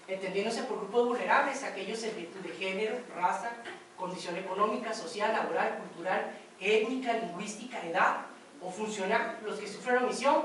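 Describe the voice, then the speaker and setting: A woman's voice: mid-range voice, distant mic, slight background noise. Woman lecturing in an echoey room. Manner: conversational, asks for confirmation. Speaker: workshop instructor. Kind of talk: classroom lecture with storytelling.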